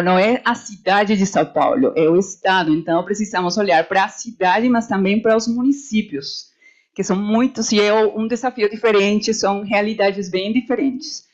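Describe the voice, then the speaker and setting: A woman on a panel, speaking spontaneously and earnestly as a committee member, explaining her work. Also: mid-range voice. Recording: dull, muffled event recording.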